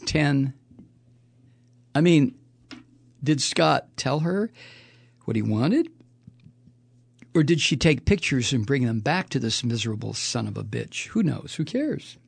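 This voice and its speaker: A man's voice: medium pitch, expressive, slow, vocal fry, pauses often, slightly rough, no echo. A man hosting a political talk show, reading news items and mocking them with sardonic, profane commentary and frequent laughter.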